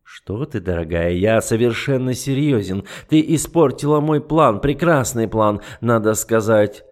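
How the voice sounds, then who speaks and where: A man's voice: mid-range voice, expressive, unhurried, natural voice. A man voicing a cold, cruel, scheming duke in an audiobook, condescending and mocking. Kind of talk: audiobook character voice.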